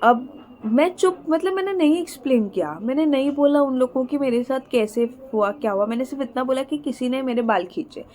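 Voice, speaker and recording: A woman's voice: high-pitched, lively intonation, a little fast, darkish tone. A young woman tells a personal ghost story in casual, rambling talk, mixing in English phrases as she does her makeup. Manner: rambling, switches between Hindi and English mid-sentence. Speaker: vlogger.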